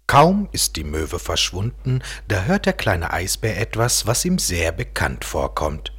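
A man with a deep, husky voice tells a children's story slowly and gently. His delivery rises and falls in a lively singsong and speaks directly to a young listener. Faint music plays behind him. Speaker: narrator.

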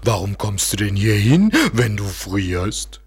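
A man voicing a curious, kind little male polar bear cub in a children's audio story, asking gentle, wondering questions. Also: fairly low pitch, takes it slowly, breathy edge, pitched above the performer's own voice.

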